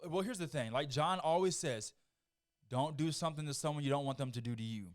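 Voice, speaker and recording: A man's voice: on the high side, fairly quick. A man guesting on a podcast in casual chat, laid-back and swearing freely.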